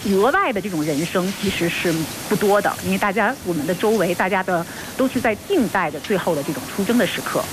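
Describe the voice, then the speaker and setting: Woman field reporter over clear background noise. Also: mid-range voice. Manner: earnest, formal delivery with hesitant pauses. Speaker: field reporter for a radio broadcast. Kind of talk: live unscripted on-location news report. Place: outdoors at a launch site. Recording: noisy outdoor live feed with steady hiss.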